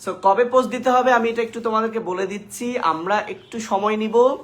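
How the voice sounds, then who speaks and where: A man teaching a live online biology class, chanting lists of terms in a steady rhythm to drill them into memory. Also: sits high, fairly quick. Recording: echoey room, distant mic, faint noise.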